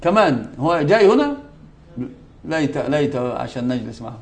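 A sheikh teaching a religious lesson to students, speaking emphatically, repeating key words, quoting scripture and breaking off for quick asides to the class. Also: male voice, mid-range voice, big pitch swings.

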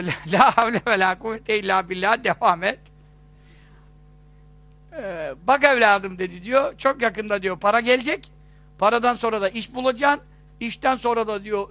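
A man preaching in a lively storytelling manner, quoting hadith and acting out the people in his anecdotes. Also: sits high. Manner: animated storyteller, voices quoted people, chuckles. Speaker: religious preacher. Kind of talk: sermon-style storytelling talk.

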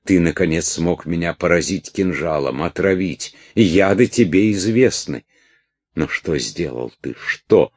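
A man reading aloud and voicing a furious, ill young captive princess with shrill, scornful outbursts. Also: animated, unhurried, a little mellow, dry recording. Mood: enraged.

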